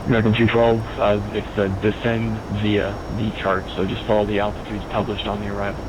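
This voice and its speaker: A man's voice: fairly low pitch, monotone, fairly quick, muffled recording. A man working as an air traffic controller, giving clipped, procedural radio instructions in standard phraseology. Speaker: air traffic controller on online flight simulation network. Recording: noisy radio with aircraft drone.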